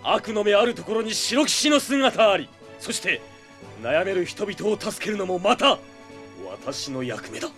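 芝居がかった尊大な正義の騎士、高めの声. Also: male voice, sits high, lively intonation, a little slow, fairly bright tone, soft background music. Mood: grandiose, triumphant. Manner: formal, archaic, theatrical and grandiose. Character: pompous, earnest older brother posing as a masked knight of justice. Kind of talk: Japanese audio drama acting.

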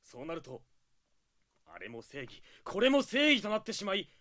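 An actor playing a pompous, earnest older brother who poses as a masked knight of justice, speaking in formal, grandiose phrases in an audio drama. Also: male voice, sits high, wildly swooping pitch, moderate pace, crowd noise. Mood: preachy, self-assured. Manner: formal, archaic, theatrical and grandiose. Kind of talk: Japanese audio drama acting.

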